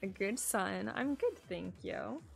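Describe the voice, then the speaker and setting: A Swedish woman in her thirties, with a Swedish accent, giggles and chats casually while reading viewer messages on a live stream from a small room, speaking into a boom-arm desk mic. She is animated and gravelly, chatty with drawn-out pauses, and faint music plays behind her.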